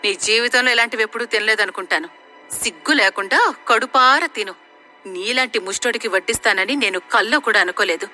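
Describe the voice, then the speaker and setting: A woman voicing a proud young woman, a priest's daughter, who talks in a scornful, sharp-tongued way. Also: a little high, a little fast, soft background music.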